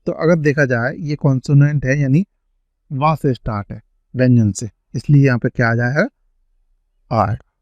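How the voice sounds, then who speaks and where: A man teaching an English grammar lesson, stretching out each example sentence slowly as he reads it. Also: mid-range voice, no echo. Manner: slow, drawn-out reading of example sentences. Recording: dry, dull lo-fi sound.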